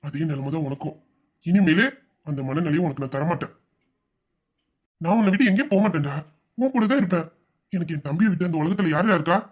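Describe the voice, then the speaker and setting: A devoted young elder brother from an audio story, voiced by a man. His voice sits high for a man, yet he speaks softly and earnestly, often dropping low and quiet. He sounds protective and caring. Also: lively intonation, fast talker, pauses often. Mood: heartfelt. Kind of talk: emotional audio-drama acting.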